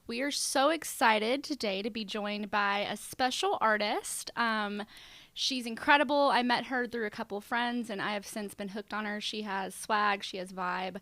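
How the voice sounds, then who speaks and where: A woman's voice: medium pitch, moderate pace, fairly bright tone, no room sound. A woman co-hosting a casual chat show, introducing her guest in an upbeat, enthusiastic way. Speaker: co-host.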